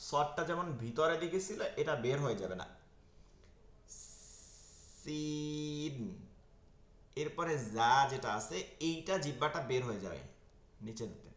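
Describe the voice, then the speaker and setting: A man's voice: a little high, expressive, a little slow, long pauses, roomy sound. A man teaching Quran pronunciation in an online class, explaining where the tongue goes and repeating each Arabic letter sound many times over. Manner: explains tongue and teeth placement step by step.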